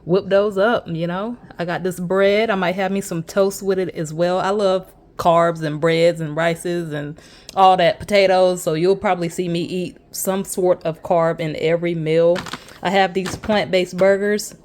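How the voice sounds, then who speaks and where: A woman's voice: on the low side, steady tone, measured pace, a little mellow. A woman with a lilt chats casually to her camera. She talks her viewers through things in an encouraging, emphatic way, with plenty of asides. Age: adult with a child. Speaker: vlogger.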